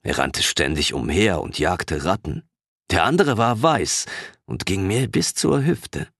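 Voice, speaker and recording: A man narrating a fantasy audiobook in the first person, telling the story in an expressive, unhurried way. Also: sits low, breathy edge, dry recording, studio quality.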